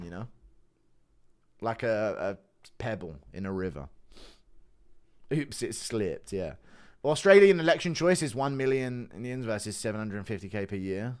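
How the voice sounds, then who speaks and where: A man hosting a casual livestream, chatting to viewers with sweary, blunt banter and often breaking into giggling laughter. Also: medium pitch. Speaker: livestream host.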